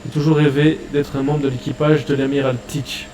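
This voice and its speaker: A man reading aloud the lines of a pleading, excitable pirate who idolizes a captain, in a comic reaction video. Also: medium pitch, a little fast, echoey room, recorded from a distance, natural voice, rough recording. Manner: eager and pleading.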